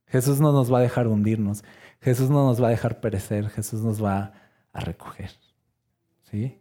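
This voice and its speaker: A man preaching a sermon in a conversational, animated way, acting out scenes as he goes. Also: medium pitch.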